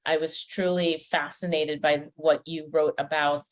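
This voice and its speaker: Low-pitched and level, at a measured pace, this woman hosts a podcast interview. She's from Trinidad and Tobago and works as a personal development coach, keeping the conversation chatty and welcoming, with plenty of fillers.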